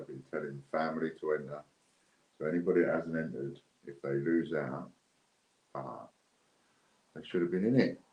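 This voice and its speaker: A middle-aged British man with a very deep, slightly mellow voice hosts an online giveaway stream. He chats casually to viewers, rambling and thinking aloud without a script. The recording has a roomy echo and faint background noise.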